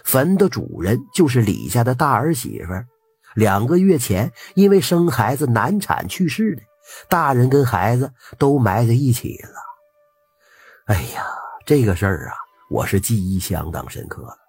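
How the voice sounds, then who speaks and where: A man, telling a folk tale in a lively, intimate way with drawn-out particles. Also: mid-range voice, creaky, husky, dry recording, faint music behind. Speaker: storyteller. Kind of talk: oral folk storytelling.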